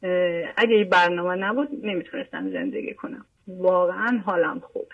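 A woman's voice: lowish voice, husky, muffled recording. An older woman calling in, telling a personal story in an earnest, repetitive way. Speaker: caller. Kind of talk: phone-in chat.

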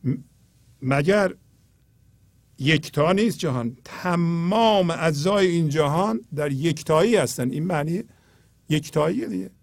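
A man hosting a spiritual talk, explaining poetry earnestly and often dropping to a low, quiet tone. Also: animated, gravelly, no room sound.

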